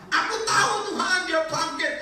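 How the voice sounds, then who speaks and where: A male preacher putting on a shrill, pleading voice as the woman Martha. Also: moderate pace, pushed and bright, heavy reverb, recorded from a distance, heavily acted. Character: fretful woman, Martha, insisting on later.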